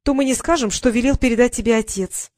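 Squeaky tattling little sister, read by a woman, high and spiteful. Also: fast, darkish tone, no room sound, clean studio sound, close to an everyday voice. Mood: snide. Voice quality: thin squeaky voice.

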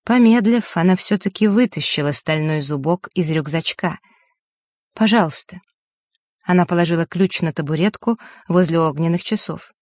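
Steady, dry audiobook narrator. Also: medium pitch, normal speed, few pauses, no echo. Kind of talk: scripted narration.

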